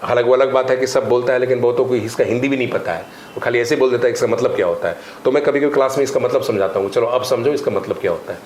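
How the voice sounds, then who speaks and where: A man's voice: mid-range voice, fast, hardly any pauses. A man, a spoken English teacher, talking emphatically in a podcast interview. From India. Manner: animated, emphatic teaching, mixes Hindi with English phrases and drills. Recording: echoey room with faint ambient noise.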